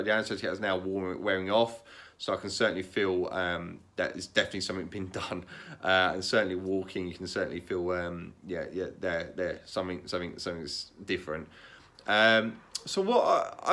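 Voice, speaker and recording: A man talking in a casual, candid vlog, calm and matter-of-fact, often repeating words and restarting sentences. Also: deep voice. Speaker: vlogger.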